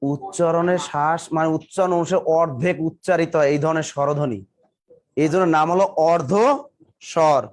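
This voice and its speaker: Man, high-pitched, coaching teacher, repetitive quizzing, scolding and teasing. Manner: drills students with repeated questions, teasing and scolding. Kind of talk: live classroom lecture.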